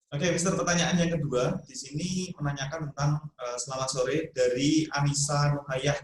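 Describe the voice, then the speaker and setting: A man hosting a question-and-answer talk, reading out viewer questions and affirming his guest briskly. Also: on the high side, steady tone, heavy reverb, poor audio. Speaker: host.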